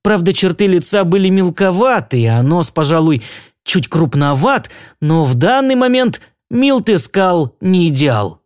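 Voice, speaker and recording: A man narrating an audiobook with expressive, lively storytelling. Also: high voice, measured pace. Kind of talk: audiobook reading.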